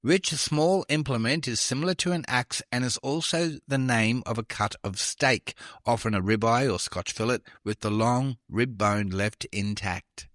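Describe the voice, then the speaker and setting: Chatty quiz host. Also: male voice, medium pitch, a little slow, few pauses, a bit bright, dry recording, clean studio sound. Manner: chatty, self-deprecating asides. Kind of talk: trivia podcast hosting.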